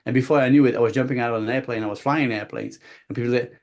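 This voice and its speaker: A man's voice: mid-range voice, racing. A Belgian-born man in his fifties shares his journey as a guest speaker over a video call. He tells it casually and with lots of energy, restarting his sentences often and acting out what other people said. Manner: animated, many restarts and acted-out quotes. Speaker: guest speaker, body language coach. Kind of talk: casual storytelling.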